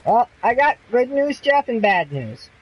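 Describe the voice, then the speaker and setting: Over a headset during a co-op shooter he's streaming, a man rants and swears at his teammates in frustration in casual gaming chat. His very high-pitched voice is highly animated yet measured in pace, with a breathy edge, and the audio sounds dull.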